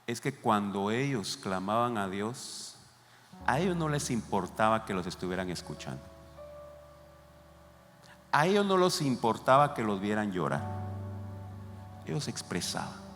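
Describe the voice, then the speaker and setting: A man's voice: lowish voice, a bit bright. A man preaching a Sunday sermon as pastor, speaking fervently and directly to his congregation. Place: church. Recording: echoey church hall with music behind.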